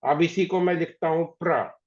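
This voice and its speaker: A man teaching an online class, patiently repeating words slowly to drill pronunciation. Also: fairly high pitch. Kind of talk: online class on Hindi spelling. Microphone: video call. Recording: dull lo-fi video call audio.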